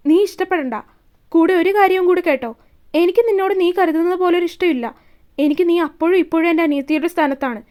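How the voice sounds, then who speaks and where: A woman's voice: very high voice, quick pace, darkish tone. A woman voicing a brusque young man who scolds and protects the girl he cares for, reading a romance story aloud. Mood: angry. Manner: curt, scolding.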